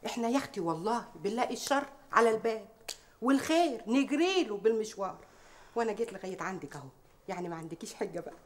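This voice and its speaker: An actress playing a bold, sharp-tongued working-class maid who speaks Egyptian Arabic, full of proverbs and mockery. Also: female voice, mid-range voice, animated, racing, a little hiss or hum, natural voice. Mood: sly, wheedling. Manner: proverb-heavy, mocking, loud when riled. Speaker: maid confronting a rich wife.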